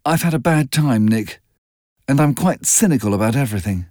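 A man's voice: mid-range voice, lively intonation, a little fast, a little mellow, no echo, studio quality, voice pushed up, natural voice. A man voicing a restless, cynical young wealthy woman with a breathless, mocking manner in an audiobook reading. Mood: wistful. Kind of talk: audiobook character voice.

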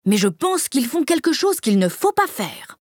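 A woman's voice: high voice, very animated, moderate pace, breathy edge, dry recording, clean studio sound, pitched above the performer's own voice, full character voice. A woman voicing a short, plump, cheerful uncle with a big beard in a children's storybook reading.

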